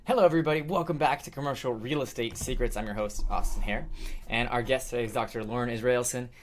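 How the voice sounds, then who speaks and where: A man's voice: mid-range voice, fast talker, soft background music. A man hosting a podcast, chatting casually with his guest and using many fillers. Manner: chatty, uses many fillers like "you know" and "like". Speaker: podcast host.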